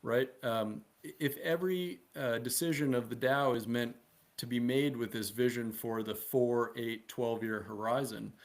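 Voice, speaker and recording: A man talks through his ideas in an earnest, persuasive way at a middling pitch. He keeps it conversational and often tags his points with a quick "right?". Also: fairly even intonation. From United States. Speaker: guest promoting a political DAO. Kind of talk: casual discussion.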